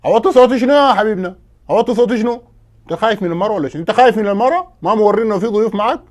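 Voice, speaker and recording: A man with a Sudanese Arabic accent playing the suitor's father, a brash, loud guest who trades insults in a comedy sketch. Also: high voice, racing, lightly acted. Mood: incredulous.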